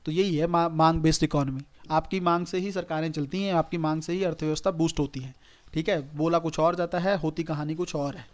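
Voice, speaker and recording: A man's voice: fairly high pitch, fairly even intonation, a little fast. A male exam coaching teacher, giving a recorded online lecture in a conversational, repetitive way, often checking "okay" and telling students to write things down. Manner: addresses students directly, urging them to note things down.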